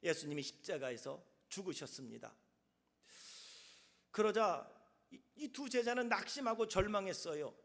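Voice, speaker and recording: A man's voice: moderate pace, vocal fry, long pauses. A male pastor preaching a sermon in a church, acting out little scenes of dialogue along the way. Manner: animated preaching, acts out dialogue with big swings of pitch and volume. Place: church sanctuary. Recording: long hall reverb.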